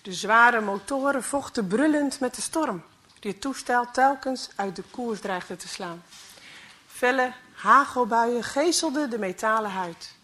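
Woman storyteller, slow dramatic read-aloud, fairly high voice. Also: bright, forceful tone. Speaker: story reader.

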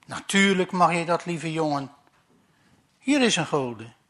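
Brief: doting father, gentle and unhurried, done by a man telling jokes. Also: a little high, animated. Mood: indulgent.

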